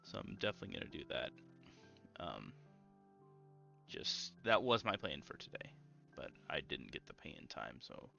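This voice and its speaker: A young man streaming a game in a calm, low-energy, mellow way, full of ums and easy asides. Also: normal speed, gravelly. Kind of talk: casual gameplay stream chat. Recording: slightly muffled lo-fi audio with faint music.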